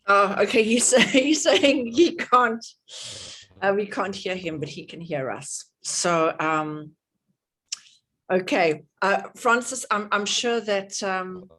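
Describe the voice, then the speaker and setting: A middle-aged South African woman hosts an online workshop over a video call, speaking slowly in a medium-pitched, fairly bright voice. She's chatty, with plenty of fillers and restarts.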